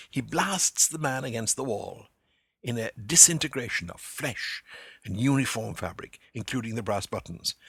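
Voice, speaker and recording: A man hosts a literary lecture podcast with a low, raspy, gravelly voice and a bright, forceful edge. His delivery is animated and swings widely in pitch, now and then breaking into loud acted quotations. The sound is close and dry. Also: dry recording. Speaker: podcast host.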